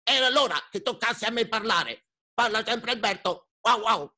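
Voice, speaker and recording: A man's voice: high voice, normal speed, bright, forceful tone, exaggerated voice. A man voicing an eager, talkative male dog in a children's story, barking between his words. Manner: breaks in with barks, eager to finally talk.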